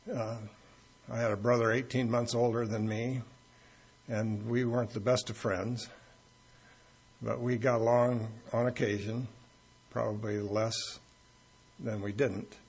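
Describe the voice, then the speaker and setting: Speaking slowly with frequent pauses, this pastor has a medium-pitched, level, somewhat mellow voice with a breathy edge. His church sermon teaches through scripture and anecdotes, and he chats and jokes with the congregation along the way.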